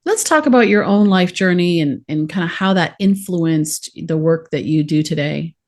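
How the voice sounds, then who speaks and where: A woman's voice: lowish voice, expressive, normal speed, darkish tone. A woman hosting a podcast, introducing her guest and asking questions in an upbeat way. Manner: upbeat, enthusiastic. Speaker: podcast host. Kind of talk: scripted introduction then interview.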